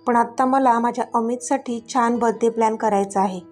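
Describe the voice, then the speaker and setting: A caring middle-aged mother in a storybook tale, voiced by a woman narrator. She speaks tenderly with emotion, in a slightly high voice. Faint music plays beneath. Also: fairly even intonation, brisk, natural voice.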